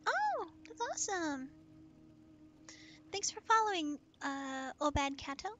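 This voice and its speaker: A woman streaming a video game, chatting casually and playfully with a co-host, with excited gasps. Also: high-pitched, unhurried, dull audio, soft background music. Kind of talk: casual gaming stream chat.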